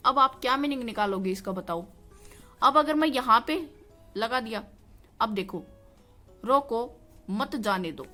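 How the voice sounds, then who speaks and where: A woman's voice: a little high, normal speed, pauses often, bright, forceful tone, faint music behind. A woman teaching a grammar lesson, asking herself questions and then answering them, often checking in with "okay". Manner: explains by asking and answering her own questions, repeats "ठीक है". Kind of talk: classroom-style grammar lesson.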